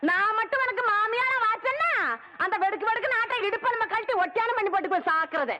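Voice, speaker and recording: An actress playing a fierce, boastful old village woman who shouts menacing threats in a film comedy scene. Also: extremely high pitch, fast, noisy background. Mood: threatening. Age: older. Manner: loud, menacing taunts in rustic dialect. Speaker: film character.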